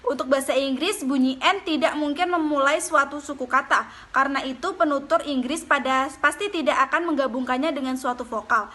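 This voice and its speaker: High, bright-voiced woman reading a lesson. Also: brisk. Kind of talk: reading a lecture presentation.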